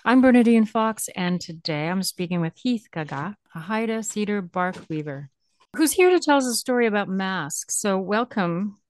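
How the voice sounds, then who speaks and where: A woman's voice: mid-range voice, lively intonation, normal speed, darkish tone. A woman with a Canadian accent who hosts a radio show and asks her guest questions in a conversational way. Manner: inquisitive, conversational. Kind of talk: radio interview.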